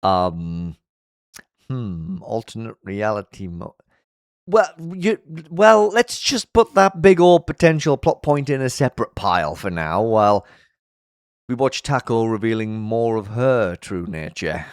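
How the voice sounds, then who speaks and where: A man's voice: on the low side, big pitch swings, a little slow, clear, resonant tone, no room sound, clean studio sound. A man giving casual review commentary as a commentator, wry and wordy.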